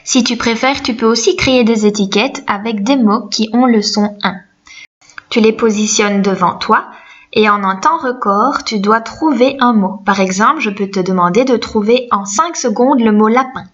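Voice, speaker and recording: A woman teaching a reading lesson to young children, slow, gentle and encouraging. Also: a little high, highs cut off.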